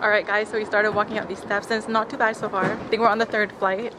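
A woman's voice: medium pitch, level tone, fast talker, over loud music. A young woman making playful comments to viewers of a travel vlog. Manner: playful, breathless asides. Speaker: vlogger. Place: outdoors in a busy city. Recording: noisy street with crowds.

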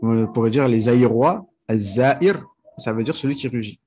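A man's voice: medium pitch, warm tone, a little hiss or hum. A man teaching Arabic rhetoric in a religious lesson, explaining patiently with everyday examples and checking that his listeners follow. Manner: reads Arabic phrases slowly before translating them.

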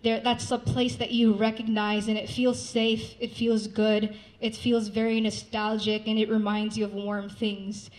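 A young woman from Saudi Arabia, speaking casually at a live event to introduce a song, relaxed, with fillers and restarts. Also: a little high, measured pace, few pauses, poor audio. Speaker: singer-songwriter introducing a song. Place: dim rooftop event room with city windows. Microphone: handheld mic, filmed by a far camera.

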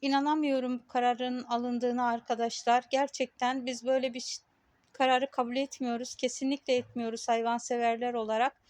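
A woman's voice: on the high side, level tone, brisk, darkish tone, dry recording. A woman vlogging outdoors in casual talk, speaking indignantly in short, emphatic, repeated phrases. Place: outdoors on a street.

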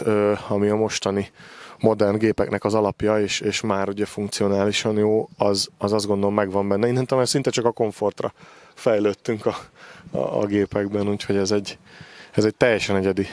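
Fairly low-pitched and darkish, the voice barely moves in pitch, and the recording carries no room sound. It belongs to a forties-aged man selling farm machinery in an outdoor gravel yard, walking through his stock unscripted with halting, repetitive wording into a windscreened handheld mic.

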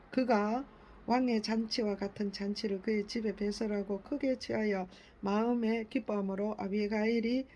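A woman leading a Bible reading. She reads scripture aloud carefully and often corrects herself. She explains the passages in a gentle, admiring way. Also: fairly high pitch.

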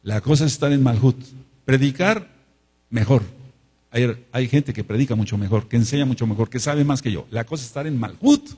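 A man's voice: medium pitch, fairly quick, warm tone, husky. A man preaching a sermon, drawing out words for emphasis and asking the congregation to repeat after him. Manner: calls for repetition and amens from congregation. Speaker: pastor.

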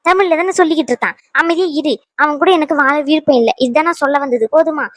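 A woman doing a determined young wife, emphatic and scolding, high voice, dry close sound, cartoon dub. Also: quick pace, no echo, lightly acted. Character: strong-willed young wife fed up with husband. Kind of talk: cartoon dubbing.

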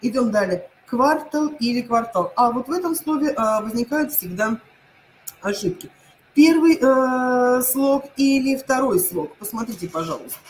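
A woman's voice: fairly high pitch, lively intonation, slight background noise, low-quality recording. Hesitant woman teacher repeating words. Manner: repeats each word pair slowly, many hesitations. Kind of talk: online lesson.

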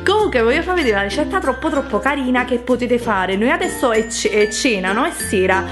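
A woman in her thirties hosts a casual cooking vlog from her home kitchen, talking fast in a high, expressive voice. Chatty and enthusiastic, she repeats words for emphasis, and the kitchen sounds echoey with music playing behind her.

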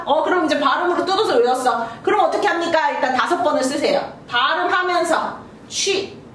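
Woman English teacher, animated and high, drawing out sounds slowly; echoey room, voice off mic. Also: far from the mic, slight background noise. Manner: lively, sounds out syllables slowly, acts out student questions. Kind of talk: basic English lesson.

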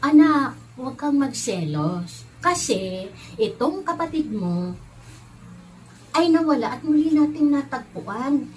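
A loving old father calls out warmly and eagerly, overjoyed to welcome his son home, as a woman telling a Bible story puts him on. The voice sits high and bright, and it is told for children. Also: big pitch swings, takes it slowly, pauses often, slight background noise, full character voice. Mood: coaxing. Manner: warm, calling out loudly.

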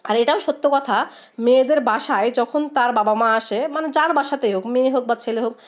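A young woman with a voice hoarse from a cold, chatting in a heartfelt, rambling way while she cooks. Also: a little high, fast talker. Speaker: cooking vlogger. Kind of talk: casual chat while cooking.

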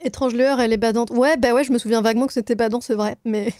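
A woman's voice: a little high, fairly even intonation, fast talker, a little mellow, dry recording, studio quality. A young woman bantering casually as co-host of a livestream.

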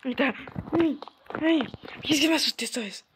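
Woman host, fairly high voice, excitable game commentary, easily startled. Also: a little fast, a little hiss or hum. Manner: excitable, yelps and laughs when startled. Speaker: gaming channel host. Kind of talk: let's-play commentary.

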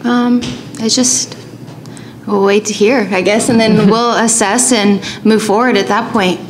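A young woman college pitcher answering questions at a press conference, casual and loose, with lots of filler words, into a table mic. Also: fairly even intonation, a little slow, slight background noise. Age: young adult.

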